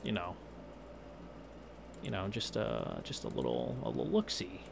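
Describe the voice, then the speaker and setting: As a let's-play narrator, a man reads a visual novel aloud with game music behind him, interrupting with wry, informal remarks. His voice sits low with vocal fry and huge pitch swings, at a measured pace, against a noisy background.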